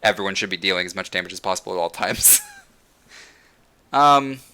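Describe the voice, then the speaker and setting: A man's voice: sits low, a little fast, bright, forceful tone, clean tone. A man hosting a casual gaming discussion, rambling with many fillers and restarts, saying he is losing his voice. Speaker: podcast host.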